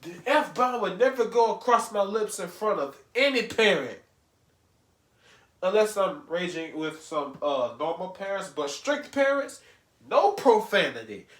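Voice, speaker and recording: A man's voice: high-pitched, very animated, unhurried. A man giving slangy, casual reaction commentary and acting out imagined exchanges. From Louisiana, US. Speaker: reaction video host. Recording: echoey room.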